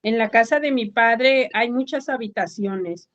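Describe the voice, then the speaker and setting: Mexican lady reading bible verses out loud, slow and steady, higher voice, lo-fi sound. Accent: Mexican Spanish. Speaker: student in a Bible class. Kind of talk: reading scripture aloud. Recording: dull lo-fi sound.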